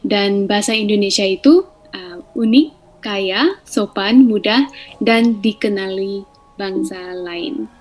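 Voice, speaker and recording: A young woman in her twenties, a student, giving a prepared talk with many hesitant fillers and pauses. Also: medium pitch, rough recording. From Malaysia.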